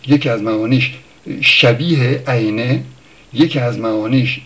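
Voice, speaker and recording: Man explaining word origins, unhurried. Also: mid-range voice, a bit bright. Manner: thinks aloud, with pauses and self-corrections. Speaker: language teacher. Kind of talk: informal spoken lesson on word origins.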